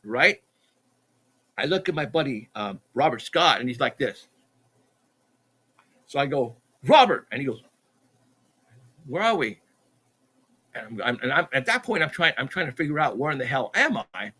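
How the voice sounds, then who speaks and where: A middle-aged man, a podcast guest, telling a story in an animated, excitable way, stumbling and repeating himself as he acts out what people said. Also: fairly high pitch, breathy edge. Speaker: podcast guest, Bigfoot researcher.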